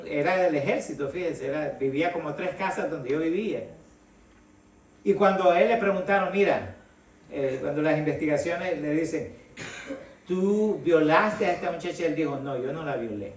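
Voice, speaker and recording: A man's voice: fairly high pitch, muffled recording. A middle-aged man from El Salvador, preaching a sermon in a conversational way and often calling his listeners brother. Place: church hall. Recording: echoey hall, voice from a distance.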